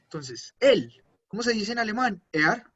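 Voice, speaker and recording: A man teaching an online language class, patiently repeating words slowly for his students. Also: high voice, big pitch swings, a bit bright, husky, highs cut off. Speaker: German teacher.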